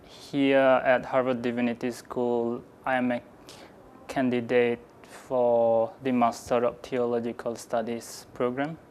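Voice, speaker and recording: A man who grew up in Sri Lanka, a Buddhist monk and student, speaking in a measured way. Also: medium pitch, flat delivery, a little mellow, a little hiss or hum. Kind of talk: recorded student testimonial.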